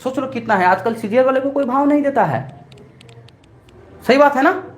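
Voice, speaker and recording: A man's voice: extremely high pitch, normal speed. A middle-aged man with a Bhojpuri-tinged Hindi accent, teaching a live online maths exam-prep class in a chatty way, repeating each point and scolding his students by turns.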